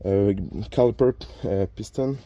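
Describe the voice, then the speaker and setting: Hosting a DIY car repair video, a native French speaker casually narrates each step while he works, plain and instructive but full of restarts and filler. His voice is lowish, a little slow, and dark in tone.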